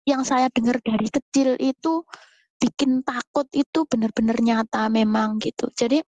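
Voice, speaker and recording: Hesitant woman with a dry, higher voice. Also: steady tone, a little mellow, dry recording, faint music behind. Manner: hesitant, many drawn-out fillers. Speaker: participant asking a question. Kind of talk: spontaneous talk in an online group session.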